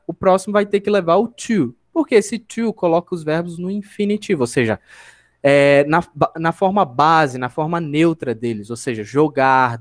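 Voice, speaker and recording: A man's voice: on the high side, no echo. A man with a Brazilian Portuguese accent, an English teacher explaining grammar in an online lesson and asking and answering his own questions. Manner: explains step by step, asks rhetorical questions and answers them; slow, drawn-out model phrases for students to repeat.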